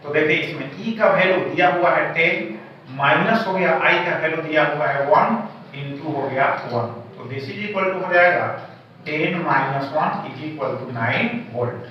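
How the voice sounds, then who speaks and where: A man's voice: a little high, a little slow. A man teaching a physics lesson, explaining each step and often checking with the class. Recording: echoey room, distant mic, dull sound, faint hiss.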